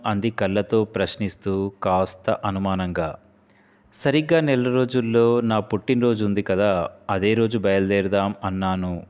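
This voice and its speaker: Low-voiced man narrating a love story. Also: smooth. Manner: soft, emotional storytelling. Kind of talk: scripted first-person narration. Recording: long reverb.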